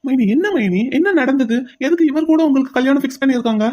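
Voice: sits high, fast talker, darkish tone, muffled recording, close to an everyday voice. A voice actor playing an insistent, pleading young man in a cartoon. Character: brash young man pining for his brother's sweetheart.

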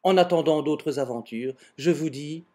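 An amateur video maker speaks in a fairly high, warm voice at normal speed, telling a comic fairy tale with mock-exasperated asides. He's on a webcam in front of a door at home, and there's a little hiss or hum.

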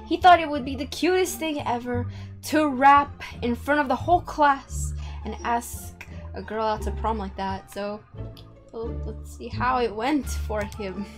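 High-voiced young woman reacting excitedly. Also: measured pace, soft background music. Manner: excitable, giggly, gasping often. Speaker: YouTube reaction host. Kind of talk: reaction commentary on video clips.

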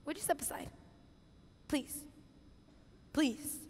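A woman's voice: takes it slowly, natural voice. A young woman performing a dramatic stage monologue as a bossy, harried biblical kitchen hostess, with exaggerated theatrical intonation. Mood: frantic, exasperated. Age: teens to young adult. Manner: exaggerated, theatrical intonation, swinging from hushed asides to shouts. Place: stage in a large auditorium with audience. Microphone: headset. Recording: reverberant large hall, headset mic.

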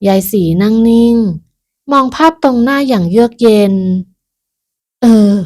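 A woman narrating a moral folk tale in a measured, even storytelling manner. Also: a little high.

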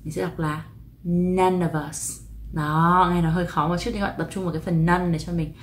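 A woman teaching English pronunciation in a video lesson, explaining patiently and slowly repeating each example. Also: lowish voice, flat delivery.

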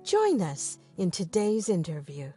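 A woman reading a scripted series introduction in a slow, deliberate, gently expressive way. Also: on the low side. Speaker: series announcer. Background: soft music.

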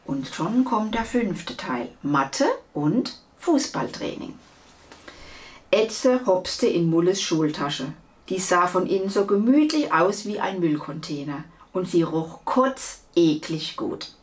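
A woman reading a children's book aloud, with lively, expressive storytelling. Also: lowish voice, takes it slowly. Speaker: storybook reader.

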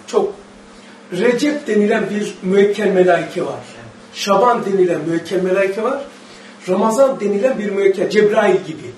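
A man with a Turkish accent teaching a religious study sermon, impassioned, quoting Arabic verses and putting questions to his listeners. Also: a little mellow. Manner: impassioned, rising to high emphatic bursts; quotes Arabic verses, asks the audience questions. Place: mosque or study hall. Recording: echoey hall, faint noise, distant mic.

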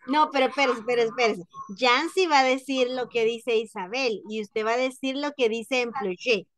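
A woman teaching a French class to Spanish-speaking students over a video call, patient, slowly repeating words and explaining pronunciation. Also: fairly high pitch.

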